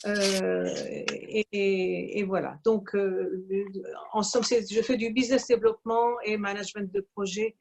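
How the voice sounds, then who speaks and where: A woman of Franco-Belgian and Iranian origin, a business owner, speaking haltingly in an online meeting with many fillers. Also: medium pitch, fairly even intonation, vocal fry, darkish tone.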